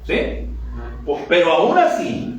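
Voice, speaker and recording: A man preaching a lively, joking sermon, acting out quick dialogues to his congregation. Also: high-pitched, slight background noise. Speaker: pastor. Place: church sanctuary. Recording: very echoey church from a distance.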